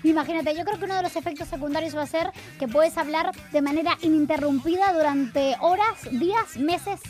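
A woman's voice: high-pitched, a little fast, a little mellow. A woman with an Argentine Spanish accent, co-hosting a radio show in chatty, exaggerated casual talk. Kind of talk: casual chat.

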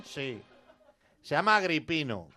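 Deadpan man spinning absurd stories. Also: on the high side, measured pace. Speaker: comedy podcast regular. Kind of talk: casual comedic banter. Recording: clear music in background. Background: music.

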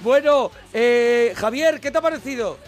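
Very high-voiced Spanish man joking on radio. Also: lively intonation, measured pace, faint music behind. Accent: Spanish from Spain. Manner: jokey, exclamatory, repeats himself for comic effect. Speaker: radio show host. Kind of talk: lively comedic radio banter.

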